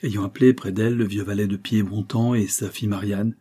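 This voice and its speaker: A man narrating a novel as an audiobook in a measured, dramatic way. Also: on the low side, fairly even intonation, mellow, slightly rough.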